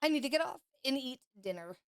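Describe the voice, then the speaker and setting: A woman's voice: high-pitched, expressive, fast talker, clean tone. A young woman streaming games who chats casually, rambles and swears, with the hiccups. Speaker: gaming streamer. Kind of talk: casual livestream chat.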